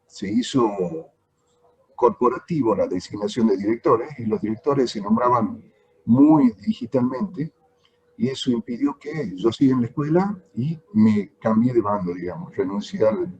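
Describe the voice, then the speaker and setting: A man's voice: fairly low pitch, sing-song, normal speed, darkish tone. A middle-aged man with a Tucumán accent from Argentina, a technical teacher speaking earnestly in an online meeting, his voice breaking up over a bad connection. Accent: Argentine Spanish, Tucumán. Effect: breaking up over a bad video-call connection. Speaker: technical education teacher, call participant. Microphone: video call. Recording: dull, choppy video-call audio.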